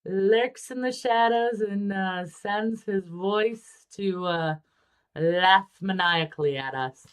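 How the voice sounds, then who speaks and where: A woman hosting a casual livestream about miniature painting, relaxed and chatty with frequent ums. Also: mid-range voice, takes it slowly, clean tone.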